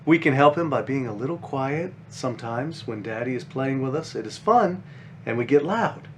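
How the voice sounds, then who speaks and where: A man reads the part of a picture-book bunny, an eager and caring five-year-old big sister who explains things simply to a younger child. His pitch moves in a lively way, his pace is normal and close to an everyday voice, and the mood is earnest and caring. Faint noise sits in the background.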